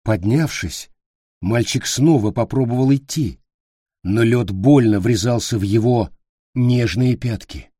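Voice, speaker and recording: Slow, husky male audiobook narrator. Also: medium pitch, warm tone, no echo, studio quality. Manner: measured storytelling. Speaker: audiobook reader. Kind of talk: scripted narration.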